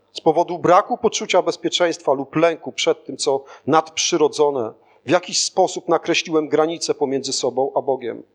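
A man narrates a first-person spiritual testimony in an earnest, steady reading. His voice sits a little higher than most men's, and the telling is scripted rather than spoken off the cuff. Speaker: audiobook narrator.

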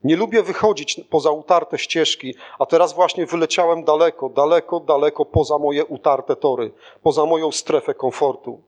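A man reading a first-person spiritual testimony aloud as scripted narration, in an earnest, steady manner. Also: on the high side, moderate pace, few pauses. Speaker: audiobook narrator.

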